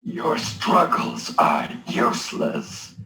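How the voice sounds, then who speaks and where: Huge, slow, menacing bull-headed monster. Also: male voice, fairly high pitch, huge pitch swings, bright, forceful tone, echoey room, exaggerated voice, low-quality recording. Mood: threatening. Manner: slow, threatening delivery.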